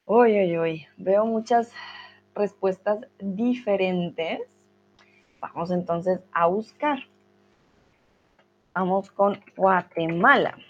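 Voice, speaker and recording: A woman with a Colombian accent teaching a live online class, friendly and encouraging, speaking slowly and clearly. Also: medium pitch, dull audio.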